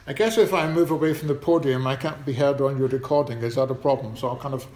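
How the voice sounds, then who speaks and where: A man's voice: mid-range voice, fairly even intonation, fast, a little mellow, roomy sound. A man leading a children's talk at a church service, chatty, asking the congregation questions. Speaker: preacher. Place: church hall.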